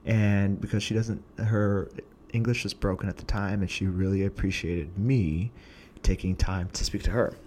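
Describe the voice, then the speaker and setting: A young adult singer from Portland, USA, tells his own story earnestly and reflectively, taking his time and pausing often to think. His voice is lowish, steady and somewhat dark, with a faint background hiss underneath.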